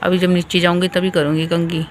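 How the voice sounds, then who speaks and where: A young woman vlogging casually about her day with her children, sounding tired and sleepy, keeping her voice soft so the baby stays asleep. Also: fairly low pitch, little pitch movement, fairly quick. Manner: chatty, talking softly to avoid waking a baby. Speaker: vlogger, mother. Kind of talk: casual family vlog talk. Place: outdoors on a home rooftop.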